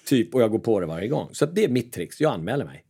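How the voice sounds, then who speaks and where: A man who works as a mental coach gives casual advice in a lively, self-mocking way, acting out his own inner voices. His voice is on the low side with a breathy edge.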